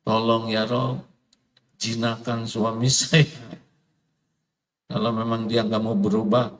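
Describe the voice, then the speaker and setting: A man's voice: fairly low pitch, level tone, slow, pitched below the performer's own voice. Man putting on a fretful wife praying. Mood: pleading. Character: worried wife praying over her straying husband. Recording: echoey hall from far off.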